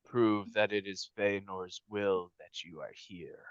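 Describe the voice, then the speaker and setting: Man voicing a stern, low otherworldly guardian spirit. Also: slow pace, no echo, highs cut off. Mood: solemn menace. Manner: solemn, commanding.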